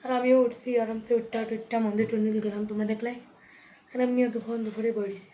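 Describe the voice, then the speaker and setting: Young woman vlogger, quick, flat-toned chatter, phone mic at home. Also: fairly high pitch, a little hiss or hum. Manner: chatty, often speaks softly. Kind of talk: casual home vlog. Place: at home, indoors.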